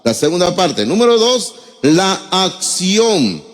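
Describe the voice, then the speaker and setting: A man's voice: sits high, sing-song, slow. A middle-aged man with a Peruvian Spanish accent preaching a sermon as pastor, emotional and addressing listeners as brother. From Peru. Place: church hall. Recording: long church reverb.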